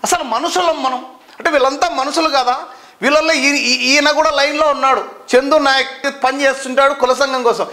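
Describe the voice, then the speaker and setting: Indignant high-pitched man, bright tense voice. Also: fairly even intonation, fairly quick. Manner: indignant, rhetorical, repeating his questions. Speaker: citizen complainant at a district office. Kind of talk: impassioned direct-to-camera complaint.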